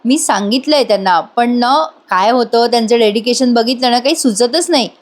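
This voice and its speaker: An irritated young husband, read by a woman narrator in her own slightly high voice. He complains with clipped annoyance. Little effort goes into making him sound male. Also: moderate pace, lightly acted. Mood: annoyed. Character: irritated young married man, elder brother.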